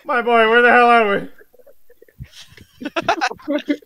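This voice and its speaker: A man voicing a frantic, paranoid male doctor who shouts in a panic, with laughing and sobbing in his voice. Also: extremely high pitch, fairly even intonation, takes it slowly, gravelly, clean tone, voice pushed up, full character voice, rough recording. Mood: panicked.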